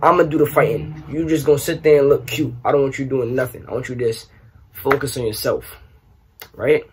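A young man from New York, raised partly in Trinidad, answering questions in a casual vlog, animated and joking with lots of slang. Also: mid-range voice, fairly quick, slight background noise. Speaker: YouTuber. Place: small bedroom, indoors.

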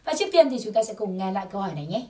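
A woman teaching an English test-prep lesson, slowly drilling English words for learners to repeat. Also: medium pitch, animated, mellow, far from the mic. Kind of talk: scripted language lesson.

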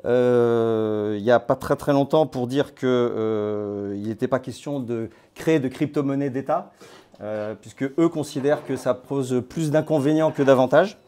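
A man giving an informal presentation to a meetup group, talking in a conversational, halting way with many hesitations and restarts. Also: mid-range voice, warm tone. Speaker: crypto platform founder giving a talk. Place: based in Nouméa.

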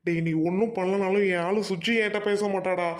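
An exasperated young college guy, played by a performer who teases his friend and grumbles in slang. He sits at a middling pitch and speaks in an audio drama. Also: flat delivery, brisk, natural voice. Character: young college man, exasperated joking buddy. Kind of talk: Tamil audio drama acting.

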